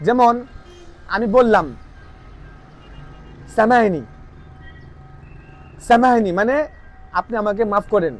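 A man from Bangladesh, giving an informal language lesson. He explains slowly, repeats himself and keeps checking that listeners follow. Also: high voice, faint music behind, poor audio. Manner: explanatory, repetitive, asks listeners if they follow. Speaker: language teacher. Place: outdoors in a town.

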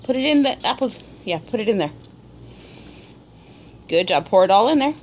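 A woman with a slightly high voice and lively intonation films a casual cooking video at a table in a room at home, speaking at a normal speed. She patiently encourages her small child and instructs them step by step. A little background noise can be heard.

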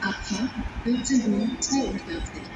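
A woman making scripted train platform announcements in a flat, measured manner, heard over a station loudspeaker. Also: medium pitch, over loud music. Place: large train station hall, heard over public address. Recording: echoey station loudspeaker from far off.

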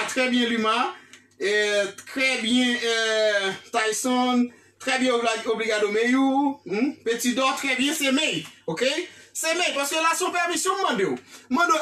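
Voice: high-pitched, pushed and bright, far from the mic. A Haitian-accented teacher giving a live online English grammar lesson, repeating phrases and switching languages while explaining.

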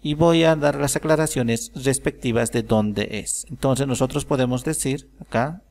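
A man calmly explaining a software tutorial step by step, thinking aloud as he works. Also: mid-range voice, normal speed, creaky. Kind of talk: screen-recorded software tutorial.

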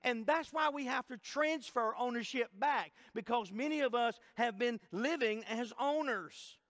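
A man's voice: very high voice, measured pace, a bit bright. A middle-aged man preaching a sermon as pastor, emphatic and repetitive, asking the congregation questions. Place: church sanctuary. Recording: long church hall reverb.

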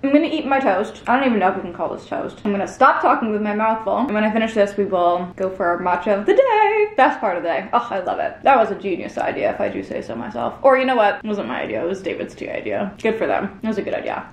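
Młoda kobieta z Kanady nagrywa swobodny vlog w domu i mówi do kamery pogodnie i z wieloma wtrąceniami. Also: female voice, mid-range voice, big pitch swings, fast, creaky, hardly any pauses, echoey room. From Canada. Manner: chatty, upbeat, many "like" fillers. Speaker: vlogger. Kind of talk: casual vlog chat to camera. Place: apartment at home.

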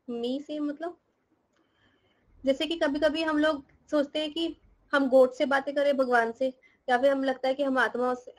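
A woman's voice: high voice, rough recording. A young woman teaching a class, explaining terms, teasing and scolding her students with questions and laughing often. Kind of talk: live class lecture in Hindi mixed with English.

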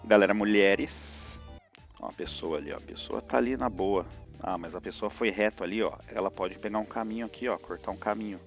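A man with a Brazilian Portuguese accent giving lively live commentary on a platform game, yelping and groaning at each jump. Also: lowish voice, a little fast, faint music behind. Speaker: streamer playing a platform game.

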